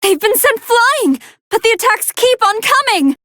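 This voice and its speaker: A woman voicing a polite, soft-hearted female android scientist who gives formal, earnest and expressive commentary on fights in a video game. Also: extremely high pitch, unhurried, no room sound, studio quality, full character voice. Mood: amazed. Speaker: match commentator.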